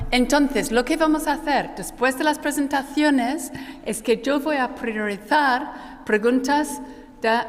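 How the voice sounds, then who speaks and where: A woman with a non-native Spanish accent moderating a conference panel, hesitant and often correcting herself, her voice echoing through a hall like in a cathedral. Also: a little high. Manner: hesitant delivery with frequent self-corrections. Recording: echoey hall with long cathedral-like reverb.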